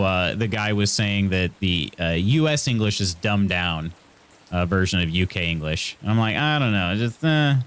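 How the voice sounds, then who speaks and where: A man's voice: fairly low pitch, fairly bright tone, clear, resonant tone. A man with a Midwest American accent tinged with Southern, chatting casually as he streams a game, rambling and joking as he reads out comments. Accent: American Midwest with some Southern. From Indiana, US Midwest. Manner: jokey, rambling, reading viewer comments aloud. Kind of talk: casual live gameplay chat.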